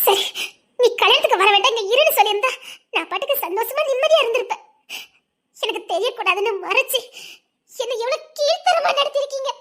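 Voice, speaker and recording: An actress playing a distraught young pregnant wife who feels betrayed, crying and shouting through bitter laughs in a TV serial. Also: female voice, very high-pitched, expressive, fast. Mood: anguished. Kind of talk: TV serial acting.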